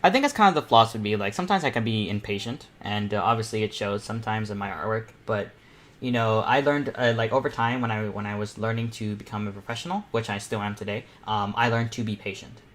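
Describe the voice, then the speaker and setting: This young man, a teen or young adult, draws while casually chatting and thinking aloud as host of an online art panel. His voice is fairly low and fairly bright, and he talks fast; the recording carries clear background noise and room ambience.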